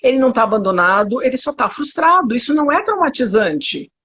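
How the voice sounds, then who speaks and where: A psychotherapist with a Brazilian accent, speaking emphatically with indignant rhetorical questions in a conversational interview. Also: female voice, high voice, sing-song, a little fast, fairly bright tone, breathy edge. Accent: Brazilian Portuguese. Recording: dull lo-fi audio.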